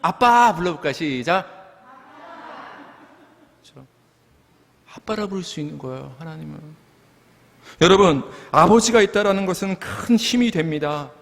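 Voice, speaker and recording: In a church sanctuary with long hall reverb, a middle-aged pastor preaches an earnest sermon and leads the congregation in calling out together. His voice is on the high side, creaky and a bit bright, moving at a moderate pace with long pauses.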